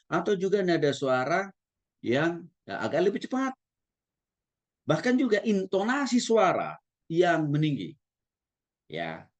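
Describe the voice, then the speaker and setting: A man who is a pastor, lecturing at a Bible school in an animated way and often addressing his listeners directly. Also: fairly high pitch. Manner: animated, demonstrates tones of voice, addresses the audience often. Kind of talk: theology lecture.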